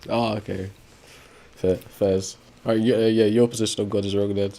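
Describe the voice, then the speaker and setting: A young man streaming, chatting casually while he plays a game, sometimes breaking into sudden excited shouts. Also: on the low side, moderate pace, creaky. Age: young adult. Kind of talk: casual live chat while gaming.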